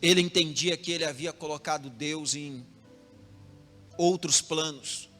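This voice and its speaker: A man's voice: a little high, measured pace, a bit bright. A young man with a Brazilian Portuguese accent preaching a sermon as pastor, telling a story with rhythmic repetition and speaking straight to the congregation. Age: young adult. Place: church hall. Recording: long hall reverb with music behind.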